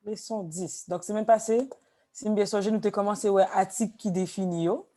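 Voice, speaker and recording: A woman teaching a language class, explaining slowly with repeated examples. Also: mid-range voice, fairly even intonation, mellow. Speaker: Haitian Creole teacher.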